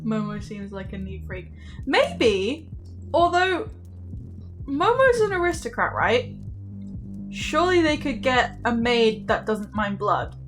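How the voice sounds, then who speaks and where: Woman streamer, giggly, joking asides, high voice, unhurried. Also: very animated, soft background music. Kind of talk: playthrough commentary.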